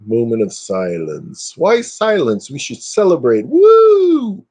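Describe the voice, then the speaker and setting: A man's voice: mid-range voice, huge pitch swings, slow, darkish tone. A man in his fifties hosting a casual live stream, chatting and joking at his own expense. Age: 50s. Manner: joking, self-mocking, chatty.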